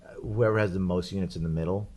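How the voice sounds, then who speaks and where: A man co-hosting a podcast, telling a tabletop game story in a rambling, animated way with laughs and restarts. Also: sits low, fast talker. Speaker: podcast co-host. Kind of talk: casual chat.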